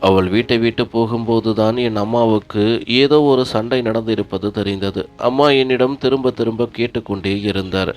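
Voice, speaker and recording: Male narrator, low register, earnest and heartfelt first-person family story reading. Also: steady tone, moderate pace, a little mellow.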